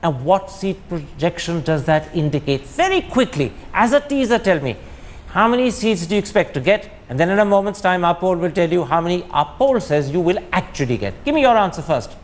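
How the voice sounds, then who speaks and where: A man with an Indian accent, a television news anchor moderating a debate and pressing guests with brisk questions. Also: high-pitched, very animated.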